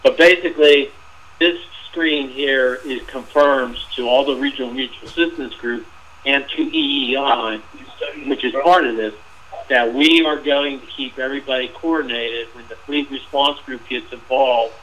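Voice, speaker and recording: A man walks listeners through slides in a webinar, speaking in an informal way, often starting over and filling gaps with "uh". His voice is going hoarse. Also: medium pitch, fairly even intonation, normal speed, fairly bright tone, rough recording. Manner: informal, repeats himself with fillers. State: losing his voice. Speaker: webinar presenter.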